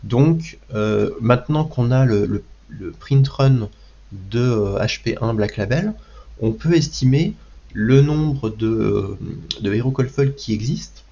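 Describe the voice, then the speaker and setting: A man's voice: mid-range voice, expressive, slow pace, creaky, mellow, muffled recording. A man with a cold hosting a card game video in casual commentary, hesitant with many restarts and fillers. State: has a cold.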